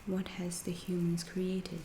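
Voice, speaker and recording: This ASMR roleplay has a woman portraying a calm, inquisitive alien researcher, her voice on the low side, soft, breathy and often a whisper. She proceeds slowly in halting, deliberate phrases with a clinical detachment. A roomy echo and faint background noise fill the recording.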